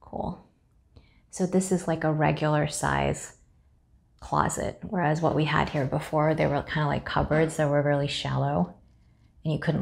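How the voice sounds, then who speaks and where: Low gravelly woman giving a home tour. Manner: chatty, relaxed narration while walking. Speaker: homeowner vlogger. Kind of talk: casual renovation walkthrough. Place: townhouse under construction, indoors. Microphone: handheld phone camera. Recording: faint construction noise. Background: construction noise.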